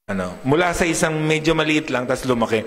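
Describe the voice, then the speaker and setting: A man's voice: expressive, brisk, a bit bright. A man preaching a sermon, joking and often asking the congregation questions. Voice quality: deep, big voice. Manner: humorous, asks the crowd often. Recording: long hall reverb.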